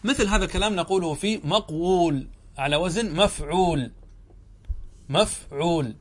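A man, a sheikh teaching Arabic grammar, lectures to students and explains each point step by step. He asks questions and answers them himself, and he reads the text slowly, drawing out the words. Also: high-pitched, breathy edge.

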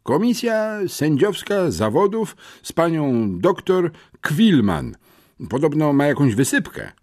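A flustered teacher with his glasses slipping fires off anxious demands in a voice that climbs high and loud, as a man plays him. His husky tone stays agitated and urgent. A lively audiobook figure. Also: slow, full character voice. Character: flustered middle-aged male teacher. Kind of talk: audiobook character voice.

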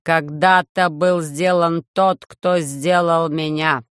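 A reader putting on a booming metallic robot ruler. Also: fairly even intonation, smooth, dry recording, studio quality. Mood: cold commanding. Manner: slow, loud, measured commands. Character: loud harsh metallic robot ruler, cold and lordly. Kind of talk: audiobook reading.

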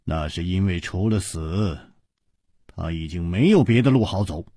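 A male storyteller voicing a calm, wry young hero who speaks low and measured. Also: husky, no room sound, clean studio sound.

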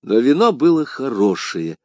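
A man narrating an audiobook in an expressive, scripted storytelling manner. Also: mid-range voice, normal speed, dry recording.

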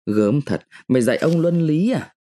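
A man's voice: a little high, animated, moderate pace, mellow, voice pushed up. A male narrator voicing a blustering middle-aged mandarin husband who argues with his wife.

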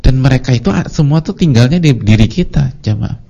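A man preaching a lively sermon to a congregation, who sometimes acts out the voices of its members. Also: medium pitch, a little fast, gravelly. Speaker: Islamic preacher. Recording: dull lo-fi audio recording.

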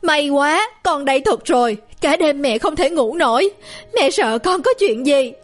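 A loving mother speaks in a choked, emotional voice, as a woman narrator acts her out, pitched well above the reader's own. She sounds anxious and tearful. Soft music plays faintly under this storybook reading. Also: animated, unhurried. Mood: relieved.

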